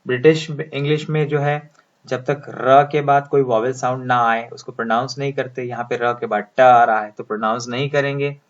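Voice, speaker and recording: A man's voice: medium pitch, fairly even intonation. A man teaching English pronunciation, explaining step by step and drawing out each sound as he writes it. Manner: slow, deliberate, drawing out sounds as he writes symbols. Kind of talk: explaining lesson, speaking Hindi. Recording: dull lo-fi sound.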